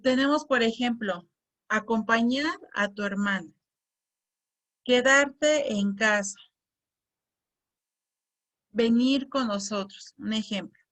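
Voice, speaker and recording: A woman's voice: fairly high pitch, slow pace, pauses often, a bit bright. A woman teacher patiently explaining a lesson, often repeating words and reading example sentences aloud with exaggerated intonation. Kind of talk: slow explanatory lesson on punctuation.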